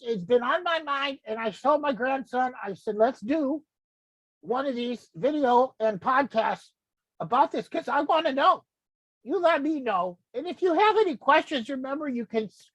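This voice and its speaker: A chatty, confused old grandfather, as a performer puts him on, wandering from one digression to the next in a folksy comic monologue. His voice sits a little high, husky and dry, swooping widely up and down. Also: no room sound. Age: older. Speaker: comedic host character.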